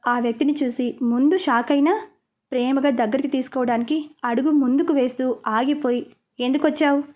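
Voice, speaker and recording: A woman tells a serialized love story in a steady, expressive voice. Her voice sits high, and the narration sounds scripted. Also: fairly quick.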